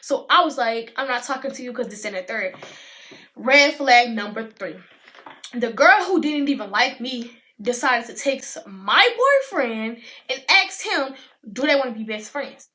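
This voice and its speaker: A teenage woman, telling a storytime in a chatty, animated way and talking to viewers as y'all. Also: sits high, measured pace. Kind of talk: casual storytime vlog.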